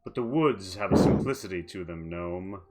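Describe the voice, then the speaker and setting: A man's voice: sits low, animated, moderate pace, darkish tone. A man playing a sly, predatory wolfish creature of the woods in a tabletop game, taunting in formal words. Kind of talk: tabletop role-play in character.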